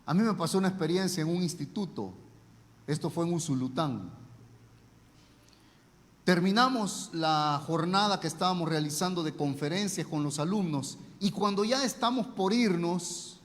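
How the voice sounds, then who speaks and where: Preacher man, high voice, echoing hall. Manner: storytelling, emphatic with dramatic pauses. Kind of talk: sermon.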